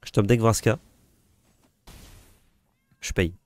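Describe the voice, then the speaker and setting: A man's voice: fairly low pitch, slow, dry recording. A man co-hosting a card game video, chatting casually, teasing his partner and thinking aloud as he plays. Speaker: co-host playing a card game. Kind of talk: casual gameplay chat.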